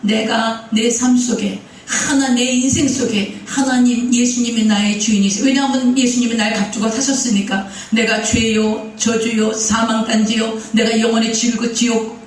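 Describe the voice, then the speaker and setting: A woman's voice: on the high side, level tone, moderate pace, hardly any pauses. A woman pastor preaching a sermon, emphatic, posing questions to the congregation and answering them herself. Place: church sanctuary. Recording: echoey sanctuary heard from far off.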